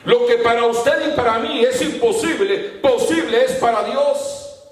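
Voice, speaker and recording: A man with a very high voice preaches a fervent sermon and now and then rises to a shout. He stands well back from the microphone, and the room rings with heavy echo. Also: unhurried. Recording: very echoey room, mic far off.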